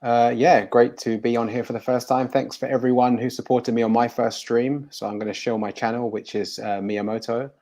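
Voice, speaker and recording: Relaxed male streamer guest, mid voice, modest. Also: mid-range voice, a little fast, few pauses. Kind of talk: casual live-stream chat.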